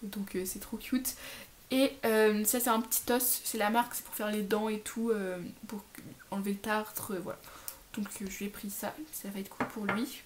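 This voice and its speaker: A woman's voice: mid-range voice, steady tone, moderate pace, a little hiss or hum. A young woman casually talking about her pet products in a haul vlog, chatty and full of fillers. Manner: chatty, lots of fillers and restarts. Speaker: pet vlogger.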